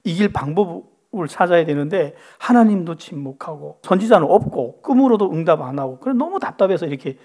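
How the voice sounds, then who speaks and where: A frantic, pleading king, as a male preacher acts him out in his own husky voice. The voice is urgent and begging, told within a sermon. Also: high voice, expressive, brisk, hardly any pauses, darkish tone. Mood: desperate. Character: desperate frightened male king seeking help.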